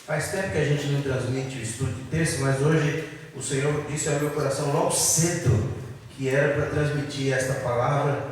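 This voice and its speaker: Brazilian pastor preaching in an echoey hall. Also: male voice, mid-range voice, darkish tone, slight background noise. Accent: Brazilian Portuguese. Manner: exhorting congregation, leading call and response. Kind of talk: sermon. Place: large church hall. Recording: echoey church hall, distant mic.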